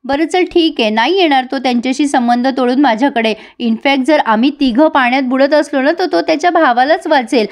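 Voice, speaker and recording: A woman's voice: high-pitched, close to an everyday voice. Woman doing an earnest, pleading young woman. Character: earnest young woman defending her love.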